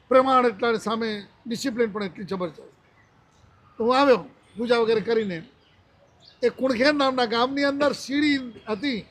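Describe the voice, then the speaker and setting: High-voiced older monk telling his story. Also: slight background noise. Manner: storytelling, acting out quoted dialogue. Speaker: Jain monk. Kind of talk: religious discourse with personal story.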